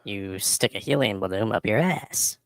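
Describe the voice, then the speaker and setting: A man talking through a pitched-up voice changer filter, joking crudely in casual podcast banter. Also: moderate pace, vocal fry, no echo, studio quality. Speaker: podcast co-host.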